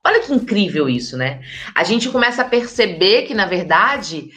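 A woman, giving a lively, emphatic talk on communication and speaking straight to her audience. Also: medium pitch, normal speed. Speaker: communication and body language trainer. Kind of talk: expressive presentation lecture. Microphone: camera with slides, hands in frame.

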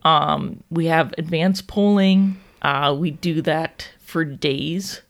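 Podcast co-host, gravelly voice, casual, stop-start explaining. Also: medium pitch, slow. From Canada. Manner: explaining, many restarts and repeats. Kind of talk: casual chat.

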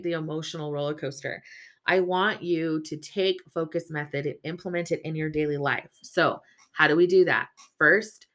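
Low-pitched woman, 30s, chatty coach host, sleep-deprived and yawny, warm encouraging asides. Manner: chatty, frequent "right?" and "um", animated bursts. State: tired, yawning from little sleep. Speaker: podcast host and faith-based coach. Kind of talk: casual motivational podcast talk.

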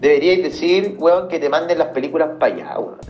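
A man's voice: a little high, a little fast, muffled recording, faint music behind. A man with a Chilean Spanish accent co-hosting a casual chat, teasing and swearing freely. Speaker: podcast co-host. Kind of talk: casual late-night chat.

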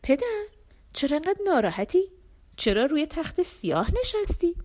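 A woman doing a sweet high-voiced young princess. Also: very animated, darkish tone. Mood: worried. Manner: high, pleading, tender.

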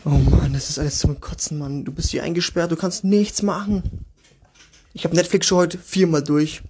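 A man's voice: fairly high pitch, fairly even intonation, normal speed, a little mellow, a little hiss or hum. A man hosting a casual home podcast from a child's bedroom, crude and sarcastic as he grumbles to his listeners. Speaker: home podcast host, father. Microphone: single microphone at home.

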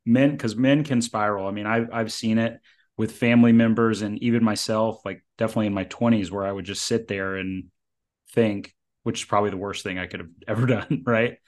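A man with a slightly low voice co-hosts a casual podcast. He speaks bluntly and plainly, with casual swearing. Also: fairly even intonation, a little fast. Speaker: podcast co-host.

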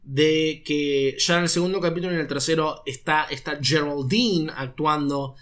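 Male co-host, slightly higher voice, loose conversational stream talk peppered with English. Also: steady tone, normal speed, fairly bright tone. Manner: mixes Spanish with English slang. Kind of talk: casual chat.

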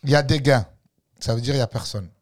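A man's voice: mid-range voice, quick pace. Man with a Toulouse accent. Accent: Toulouse French. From Toulouse, France. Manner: playful, teaching local slang. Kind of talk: casual chat.

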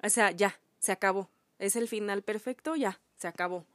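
A woman with a Mexican accent co-hosting a podcast, chatting in a slangy, animated and emphatic way. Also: medium pitch, moderate pace, no room sound, clean studio sound. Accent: Mexican Spanish. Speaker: podcast co-host. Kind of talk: casual chat.

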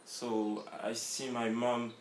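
A man who grew up in France, a guest in a casual interview, talking haltingly and searching for his words. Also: mid-range voice, level tone, slight background noise. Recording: roomy echo.

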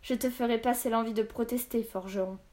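A woman's voice: fairly high pitch, steady tone, brisk, darkish tone, close to an everyday voice. Sneering red-haired captain, as a woman puts him on. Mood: menacing. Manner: sardonic, threatening. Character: arrogant red-haired male captain, cruel.

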